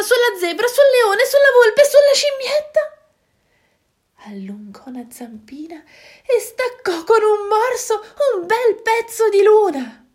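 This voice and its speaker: A woman reading a children's story aloud, expressive, with dramatic hushed moments. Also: very high-pitched.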